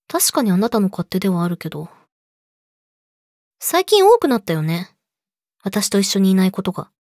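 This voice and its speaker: Girl acting a possessive yandere girlfriend for an audio drama, sweet but creepy, soft n intimate, very lively pitch, dry close sound. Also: dry recording. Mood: suspicious, subdued. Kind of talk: Japanese situation voice audio drama, addressed to listener.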